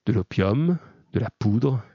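A man's voice: fairly low pitch, expressive, slow pace, husky, no echo, dull audio, exaggerated voice. A man voicing a streetwise young male convict who boasts in a matter-of-fact way. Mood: boastful.

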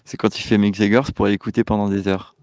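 A man playing along deadpan and evasive as a guest in a comedy sketch. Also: fairly low pitch, fast, no room sound, studio quality.

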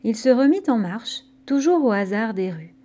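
A woman narrating a scripted myth story in a calm, gentle storytelling manner. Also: fairly high pitch, normal speed.

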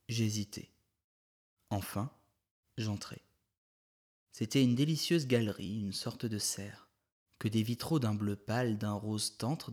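A man narrating a short story in a measured, even literary reading. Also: on the low side.

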